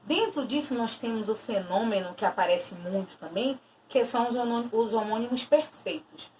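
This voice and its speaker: A woman teacher explains a lesson, repeating and stressing key words. Her voice sits a touch high. She is recorded from some distance, with a faint hiss underneath. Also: moderate pace, darkish tone. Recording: distant mic with faint noise.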